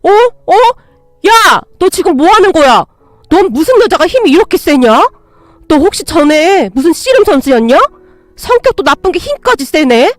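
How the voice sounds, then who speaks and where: A woman's voice: sits high, very animated, moderate pace, no room sound, faint music behind. A woman doing a bickering young husband. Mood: angry. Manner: bickering, snapping, then pleading. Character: quarrelsome young husband, petulant and defensive.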